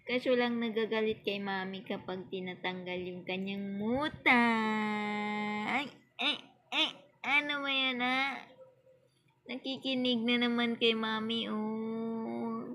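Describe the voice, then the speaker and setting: A woman's voice: steady tone, a little slow, a bit bright. A mother, talking to her baby in a casual, playful, cooing way. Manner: cooing, playful, often high sing-song baby voice.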